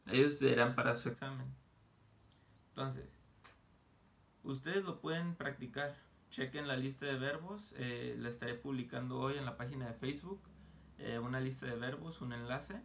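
A man teaching an online English lesson, explaining grammar casually and slowly sounding out English example phrases. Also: mid-range voice, gravelly, a bit bright. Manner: slow, deliberate modeling of English phrases; casual, joking asides.

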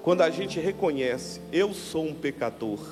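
High-voiced pastor preaching in a hall. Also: male voice, expressive, unhurried. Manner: swings from low hushed lines to loud declarations. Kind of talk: sermon. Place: large church hall. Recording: reverberant church hall with music behind.

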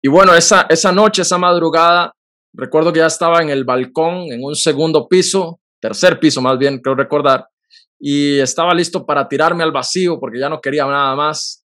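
An earnest man. He tells a personal faith story in conversation, and his voice sits a little high. He talks with feeling, in quick bursts. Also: fairly bright tone. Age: 30s. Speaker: podcast host.

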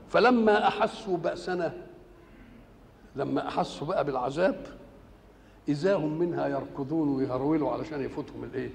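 Egyptian man, gravelly voice, brisk religious lesson, rhetorical questions, long hall reverb. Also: fairly high pitch, a little mellow, slight background noise. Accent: Egyptian Arabic. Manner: asks the audience rhetorical questions and answers them himself; recites verses slowly and deliberately. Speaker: Quran commentator. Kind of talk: Quran commentary lesson.

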